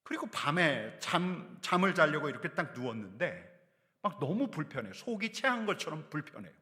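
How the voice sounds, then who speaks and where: A man's voice: on the high side, big pitch swings, normal speed, pushed and bright. A man preaching a sermon as a pastor, speaking animatedly and addressing the congregation directly. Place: church sanctuary. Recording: long church hall reverb.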